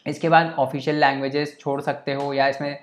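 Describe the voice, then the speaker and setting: A man's voice: a little high, flat delivery, fairly quick. A man giving a casual coaching lecture for exam prep, talking conversationally, mixing in English terms and often checking that listeners follow. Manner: mixes English terms into Hindi.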